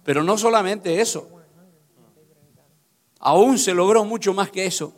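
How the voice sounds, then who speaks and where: A man preaching an impassioned sermon who moves between quiet storytelling and loud, fervent exclamations. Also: high-pitched, a little slow, in a large hall. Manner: impassioned, swings from storytelling to shouting.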